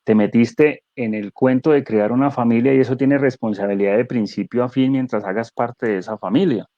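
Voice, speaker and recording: A guest neuro-coach speaks in a conversational webinar, animated and explanatory, posing rhetorical questions. His mid-range voice moves briskly, and the recording is dry and dull.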